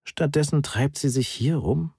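A man's voice: a little high, measured pace, vocal fry, a little mellow, breathy edge, no room sound, studio quality, voice pushed up, heavily acted. A man voicing an irritable young grandson in an audiobook, blunt and exasperated. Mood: irritated. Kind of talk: audiobook character voice.

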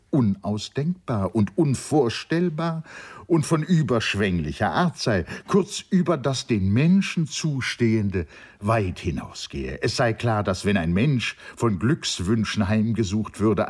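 Husky, expressive male audiobook narrator. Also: on the low side. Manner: expressive, measured literary reading.

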